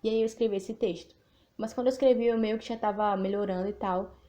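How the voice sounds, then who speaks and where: Through a muffled recording comes a dark, mid-range woman's voice at a quick pace, its intonation fairly even. The speaker, a podcast host and writer with a Sergipe accent from Northeast Brazil, sounds a little nervous during an informal, reflective monologue that includes a reading of her own text.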